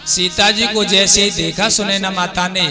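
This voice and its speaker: A man's voice: sits high, level tone, moderate pace, pushed and bright. A male preacher telling a devotional story with sung verses, emotional and addressing listeners as brother. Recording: devotional music behind voice.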